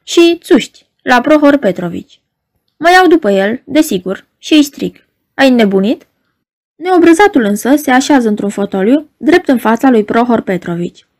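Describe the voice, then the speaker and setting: A woman's voice: high-pitched, animated, a little mellow. A woman playing a sobbing hysterical secretary. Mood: breathless. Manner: tearful, frantic, slightly nasal from crying.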